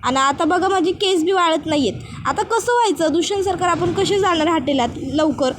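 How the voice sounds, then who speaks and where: A woman's voice: extremely high pitch, animated, moderate pace, noisy background. A woman putting on Krishna, a stubborn village bride. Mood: protesting. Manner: rustic village dialect, protesting and fussy.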